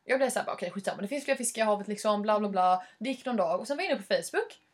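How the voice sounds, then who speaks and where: A young woman casually telling a story to a friend, animated, acting out her own reactions and swearing freely. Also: medium pitch.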